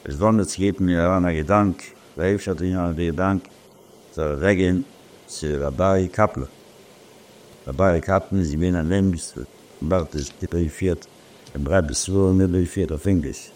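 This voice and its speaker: A man telling a personal story in a halting, rambling way, often restarting and repeating phrases. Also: sits low, darkish tone, a little hiss or hum.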